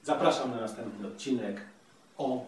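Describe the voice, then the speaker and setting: A man's voice: mid-range voice, normal speed, slight background noise. Male host, chatty playful review, far from the mic in a very echoey room. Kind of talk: casual video review.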